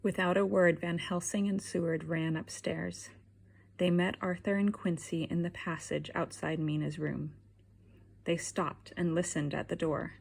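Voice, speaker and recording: A woman reading a simplified novel aloud for English learners, slow and careful, with a husky voice. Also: on the low side, level tone, darkish tone. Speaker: audiobook reader. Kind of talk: scripted narration for learners.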